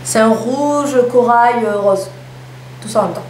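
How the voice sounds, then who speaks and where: A woman's voice: on the high side, measured pace, darkish tone. A young woman chatting casually through a lipstick haul, with playful self-mocking asides. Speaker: beauty vlogger. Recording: echoey room with faint hum.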